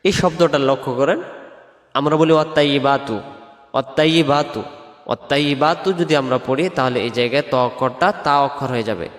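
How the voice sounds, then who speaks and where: A man teaching prayer pronunciation, chanting each word slowly and explaining it patiently, step by step. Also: mid-range voice. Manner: slow drawn-out chanting of the words he teaches. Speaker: religious teacher. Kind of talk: recitation lesson. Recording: echoey room with long reverb.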